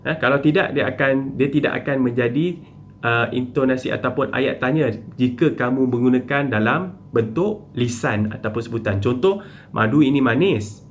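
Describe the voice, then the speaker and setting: A man's voice: medium pitch, normal speed, highs cut off, slight background noise. A man teaching a primary school lesson, explaining step by step with patient repetition. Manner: patient, step-by-step, with frequent "okey" and "ha" fillers.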